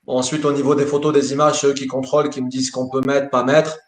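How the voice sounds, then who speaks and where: A man, a sports coach, answering interview questions in a lively way, often repeating words as he thinks. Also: mid-range voice, quick pace. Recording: roomy echo.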